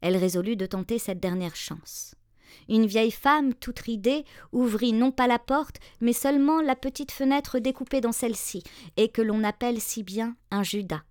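A woman narrating a fairy tale in a measured, expressive reading voice. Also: fairly high pitch, clean tone, no room sound, clean studio sound. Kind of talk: storybook narration.

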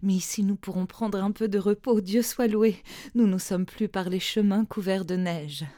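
A woman voicing a poor, weary mother who speaks softly and imploringly in a storybook reading. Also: medium pitch, fairly even intonation, moderate pace, natural voice. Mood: weary relief. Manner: soft, imploring.

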